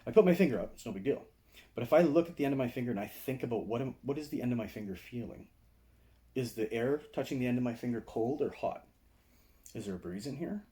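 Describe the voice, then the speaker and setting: Male meditation teacher, mellow mid-pitched voice, easy conversational lecture to camera, keeps checking in with listeners. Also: expressive, fast. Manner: conversational, explains with frequent "right?" and "okay?" check-ins. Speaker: meditation and martial arts teacher. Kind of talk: casual video lecture to camera. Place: indoors, seated.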